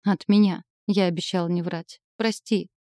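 A stern, wealthy young man, put on by a woman reader speaks gruffly and low, almost pleading. His voice is dark and mellow, recorded close and dry in an audiobook. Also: steady tone, normal speed, no room sound, natural voice. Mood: guilty.

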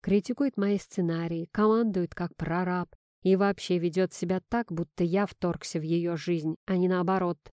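A woman's voice: lowish voice, fairly even intonation, normal speed, a little mellow, clean tone, no echo, lightly acted. Woman voicing a weary grumbling new dad. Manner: dry, grumbling. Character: weary, flustered young single father. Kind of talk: audiobook reading.

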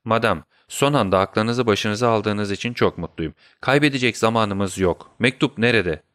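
A man's voice: fairly low pitch, moderate pace, a bit bright, dry recording, clean studio sound, natural voice. A man voicing a firm, commanding detective. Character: brilliant calm adult male detective. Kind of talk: audiobook character reading.

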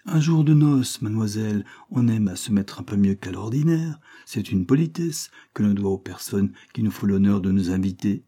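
A man's voice: fairly low pitch, expressive, moderate pace, few pauses, warm tone, slightly rough. A man reading an audiobook, voicing a timid, deferential old law clerk in his sixties.

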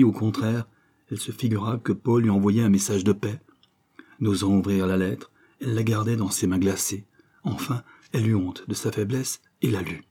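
A man reading a novel aloud in steady, measured narration. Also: lowish voice, husky. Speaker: audiobook reader.

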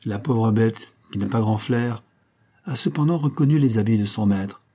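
A shrewd, calm detective who speaks in a measured, probing way in an audiobook, as a male narrator reads him. The voice is dark and husky. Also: on the low side, close to an everyday voice. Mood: decisive. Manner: composed, probing, decisive.

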